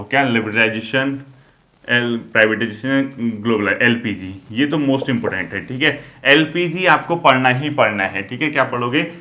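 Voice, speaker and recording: A man's voice: medium pitch, pushed and bright. A young man teaching an exam-prep lesson casually, repeating key points with emphasis and mixing in English terms.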